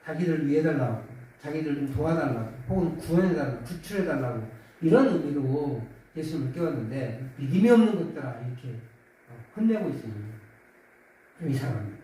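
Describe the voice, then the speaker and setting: Lively pastor preaching in an echoey hall. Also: male voice, brisk. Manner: conversational preaching, acts out quoted voices with rising pitch. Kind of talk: sermon. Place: church sanctuary. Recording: echoey church hall from far off.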